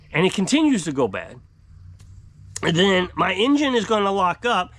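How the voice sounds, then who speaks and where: Fifties male vlogger, high lively voice, exasperated rant straight to camera, outdoor porch. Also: a little hiss or hum. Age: 50s. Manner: exasperated, emphatic, gesturing widely. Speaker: off-grid homestead vlogger. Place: outdoor covered porch by woods.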